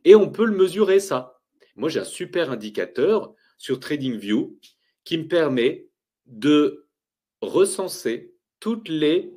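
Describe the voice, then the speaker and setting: Man walking viewers through a chart. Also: on the high side. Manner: lively, emphatic, rhetorical questions. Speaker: finance educator.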